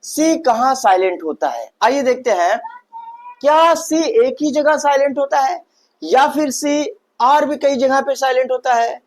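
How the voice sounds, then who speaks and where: A man's voice: very high-pitched, unhurried. A man teaching an online lesson, who repeats each point and asks and answers his own questions. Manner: repetitive, addresses listeners as brother. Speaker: English teacher.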